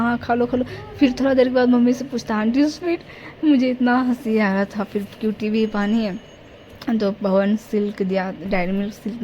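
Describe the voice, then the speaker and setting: Young woman, casual vlog narration, level monotone delivery, light background noise. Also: medium pitch, highs cut off. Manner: chatty, rambling storytelling. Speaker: vlogger.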